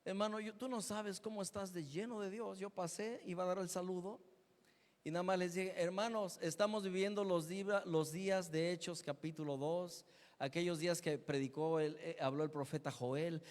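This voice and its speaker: A man preaching a testimony in a sermon, telling his story in an animated way and acting out the scenes. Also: high voice, normal speed. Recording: long church reverb.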